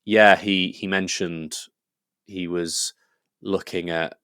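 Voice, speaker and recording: A very low-pitched English man chatting as a podcast guest, his voice smooth and resonant. He rambles eagerly, full of fillers and restarts, and the sound is close and dry with no room around it. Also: steady tone, slow pace, bright, forceful tone, dry recording. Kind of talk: casual conversational interview.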